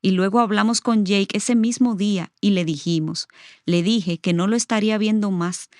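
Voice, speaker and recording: A woman's voice: mid-range voice, moderate pace, darkish tone, no room sound, studio quality. Earnest woman sharing a personal testimony. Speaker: interview guest.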